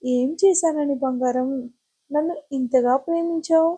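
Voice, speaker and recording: A tearful, devoted young woman in an audio storybook, as the narrator reads her. She pleads with deep emotion. The voice is high and mellow. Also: measured pace. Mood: tearful pleading.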